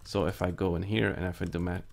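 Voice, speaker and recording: A man's voice: low voice, little pitch movement, fast talker, gravelly, darkish tone. A man giving a casual step-by-step screen-recorded tech tutorial, explaining as he types commands with frequent fillers. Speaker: network tutorial presenter.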